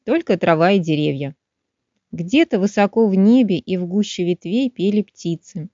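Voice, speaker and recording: A woman narrating a children's audiobook in an expressive storytelling manner. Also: fairly low pitch, normal speed, no room sound. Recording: dull, dry studio sound.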